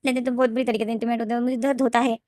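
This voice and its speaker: A woman voicing a tearful young man who pleads and protests in a high, strained voice. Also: little pitch movement, very fast, a little mellow, no room sound, studio quality, close to an everyday voice. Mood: protesting.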